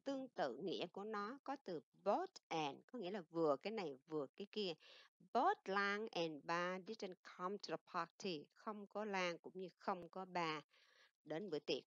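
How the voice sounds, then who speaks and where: A woman English teacher with a Vietnamese accent giving a recorded lesson, explaining in Vietnamese and reading English example sentences slowly and carefully. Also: on the low side, animated, no room sound. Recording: dull lo-fi dry recording.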